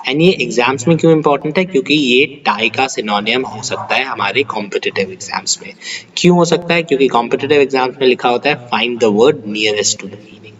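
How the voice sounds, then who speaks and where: A male pronunciation teacher giving a lesson, explaining slowly and checking in with his students. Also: mid-range voice, a bit bright, dull audio. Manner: explanatory, repeats words slowly and asks "right?". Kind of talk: classroom-style lesson in Hindi and English.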